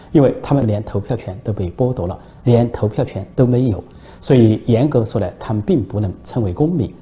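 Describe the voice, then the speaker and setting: A man's voice: on the low side, dark tone. A man giving a political commentary monologue in a scornful, denouncing manner. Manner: scornful, denunciatory.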